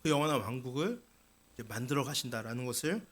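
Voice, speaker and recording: A man serving as senior pastor preaches a Sunday sermon in a church sanctuary, earnestly addressing his congregation and posing rhetorical questions. His mid-range voice moves fast with lively intonation.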